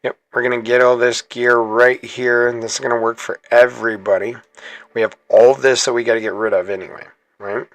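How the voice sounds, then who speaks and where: Guy rambling thru a gameplay session, mid-pitched voice, dry close mic, laughs a lot. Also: level tone, brisk, a bit bright, no room sound. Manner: chatty, rambling, self-correcting, laughs easily. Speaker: gaming channel host. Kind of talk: casual gameplay commentary.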